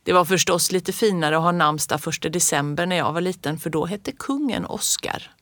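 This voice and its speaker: A reader narrates a children's storybook in the first person of a child, with a calm and gentle, even delivery. The voice sits at a middle pitch. The recording is dry and close. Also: no room sound. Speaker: audiobook reader.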